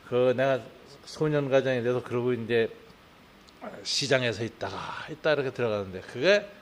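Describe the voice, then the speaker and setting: At an early morning service, a Korean pastor preaches conversationally, using frequent tag questions and building to fervent emphasis before leading prayer. His male voice is mid-range, with slight background noise.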